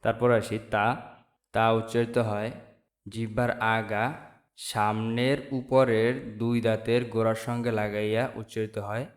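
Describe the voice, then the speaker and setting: A man from Bangladesh teaching the Arabic letters in a slow lesson, saying each sound and repeating it for viewers. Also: on the low side, level tone. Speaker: Quran teacher. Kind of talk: slow step-by-step alphabet lesson.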